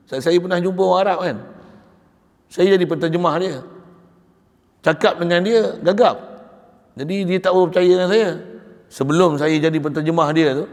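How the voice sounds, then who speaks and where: A man with a Malaysian Malay accent giving a morning religious lecture, talking in a conversational, animated way with storytelling asides. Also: fairly high pitch. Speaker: religious teacher. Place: mosque or religious school hall. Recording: long hall reverb.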